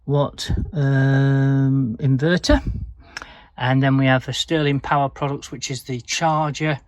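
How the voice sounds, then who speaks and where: A man's voice: mid-range voice, dry recording. Chatty man touring his boat. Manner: chatty, rambling, with fillers. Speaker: vlogger showing his boat. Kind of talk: casual vlog tour. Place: narrowboat cabin, indoors. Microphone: handheld camera.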